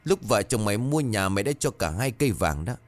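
A man voicing a selfish, grieving eldest son who shouts and accuses. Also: lowish voice, very animated, a little fast, soft background music. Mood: angry.

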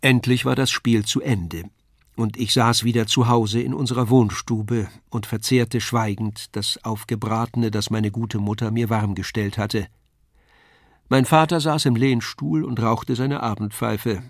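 A man reading a classic novella aloud in measured storytelling narration. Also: medium pitch, fairly even intonation, no room sound, studio quality. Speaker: reader.

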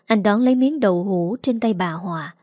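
Brief: woman storyteller, steady even read, dry close recording. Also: medium pitch, brisk, dry recording. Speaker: narrator. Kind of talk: storybook narration.

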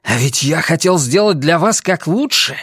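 A man's voice: a little high, lively intonation, normal speed, a bit bright, husky, voice pushed up. A young, proud count, raised a little above an ordinary male voice, who either snaps with fury or speaks with icy menace, as an audiobook narrator plays him. His voice rises and falls sharply, and the dry, close sound has no room echo. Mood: menacing. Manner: angry, defiant, threatening.

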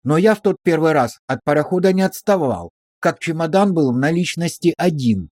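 A nervous sailor, as a male narrator puts him on, confessing in halting, plain-spoken phrases. The voice sits a little high for a man and the recording is dry. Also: expressive, darkish tone, dry recording. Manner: halting, colloquial testimony.

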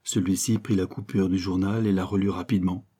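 A man narrating a novel as an audiobook reader, in measured storytelling. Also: sits low, flat delivery, dark tone, husky.

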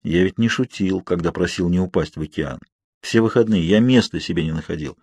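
A male audiobook reader voicing a secretive young man, speaking low and measured. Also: darkish tone, husky, dry recording, clean studio sound. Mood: calm. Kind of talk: audiobook reading.

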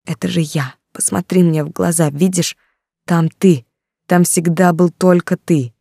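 A desperate young woman pleads and insists she is innocent, as an audiobook reader voices her. The voice is mellow and warm, and the recording is close and dry. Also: mid-range voice, fairly even intonation, a little slow, vocal fry, no room sound. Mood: pleading. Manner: pleading, tearful. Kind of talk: audiobook character reading.

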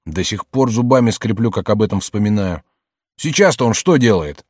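A man's voice: on the low side, expressive, normal speed, a little mellow, no echo, studio quality. A man reading aloud and voicing a scarred, bitter brawler turned robber who speaks bluntly and resentfully.

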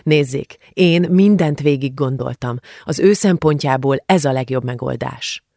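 A woman's voice: a bass voice, creaky, mellow, no room sound, exaggerated voice. Woman reading as a firm older aunt, audiobook, matter-of-fact, very dry sound. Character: brisk decisive older woman, aunt figure. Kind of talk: audiobook character voice.

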